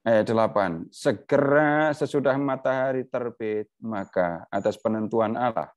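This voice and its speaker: A man's voice: medium pitch, unhurried, dry recording. Chatty man teaching a Bible lesson. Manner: chatty, rhetorical questions, chuckles. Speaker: Bible study speaker. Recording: dull, dry lo-fi recording.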